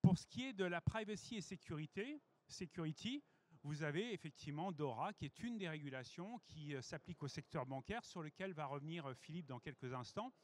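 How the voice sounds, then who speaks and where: A man presenting at a conference masterclass, explaining in a measured way with frequent hesitations. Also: a little high, animated, a little mellow. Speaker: head of innovation strategy presenting.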